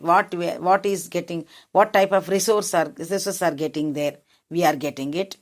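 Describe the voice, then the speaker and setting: A woman with an Indian English accent teaching a class. She reads out points and then explains them again in simple words, checking whether the class understands. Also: fairly low pitch. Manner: rephrases each point in simple words, asks if it is clear.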